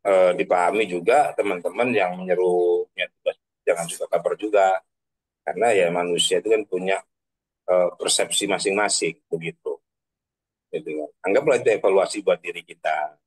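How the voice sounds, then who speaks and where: A man's voice: low voice, moderate pace, husky, rough recording. Chatty joking male preacher. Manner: chatty, tags sentences with 'kan begitu'; joking, laughs at own examples. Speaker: Islamic preacher. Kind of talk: casual online religious talk.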